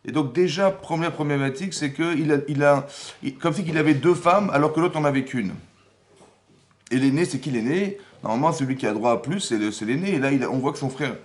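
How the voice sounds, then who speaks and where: A man giving a lively Torah class as rabbi, asking the room rhetorical questions and acting out the dialogue he explains. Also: a little high, a little fast. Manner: animated, acts out quoted dialogue, rhetorical questions. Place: Paris community hall.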